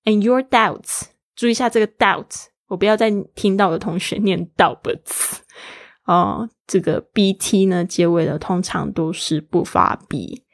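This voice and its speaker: A woman teaching English, explaining patiently, spelling out words and modelling pronunciation slowly. Her first language is Mandarin Chinese. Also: lowish voice, no echo, studio quality. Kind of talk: bilingual English lesson.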